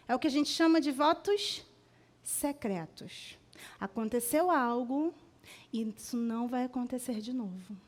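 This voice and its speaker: A woman pastor from Brazil preaching a sermon to a women's congregation, acting out quoted voices in an animated way. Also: high voice.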